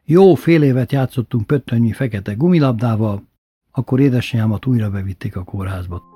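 A man's voice: medium pitch, mellow. A man recounting a childhood memory in a dry, wry, matter-of-fact storytelling manner. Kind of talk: recited childhood memoir.

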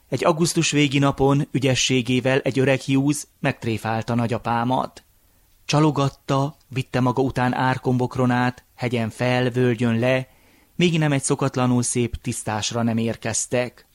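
A man telling a folk tale at an unhurried, measured pace. His voice is mid-pitched, and the recording is dry and close with no room sound. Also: no echo. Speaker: storyteller.

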